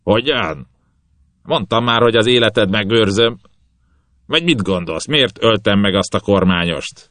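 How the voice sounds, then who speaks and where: A man's voice: fairly low pitch, a bit bright, dry recording, voice pushed up, natural voice. Man putting on a cruel old bearded ship captain, blustering and menacing, raised voice, dry close sound. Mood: scornful. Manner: menacing, blustering, hisses threats. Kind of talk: audiobook character voice.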